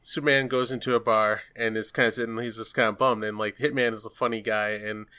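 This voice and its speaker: Bright-voiced man telling stories. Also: lowish voice, quick pace, smooth, no room sound. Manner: animated storyteller, acts out quotes. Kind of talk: casual chat.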